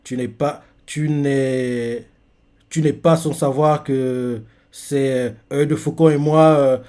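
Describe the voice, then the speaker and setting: A cold, scornful pirate boss speaks slowly and flatly, as a man reads his lines from a manga. The voice stays close to the reader's own. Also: mid-range voice, close to an everyday voice.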